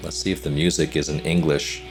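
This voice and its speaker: A man with a very low voice hosts a casual reaction video. He talks in an upbeat, chatty way as a coach, pointing out details and breaking them down for his viewers. Soft music plays faintly behind him. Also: flat delivery, brisk. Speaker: volleyball coach and reaction host.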